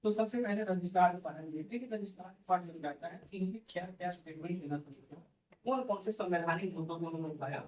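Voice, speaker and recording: A man's voice: sits high, fast talker, a little mellow, dull audio, a little hiss or hum. A man teaching a class, explaining step by step and often checking in with his students. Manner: explains step by step, repeats "theek hai" and "hai na". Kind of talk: classroom lecture. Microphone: no microphone, far from the recorder. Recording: echoey classroom from far off.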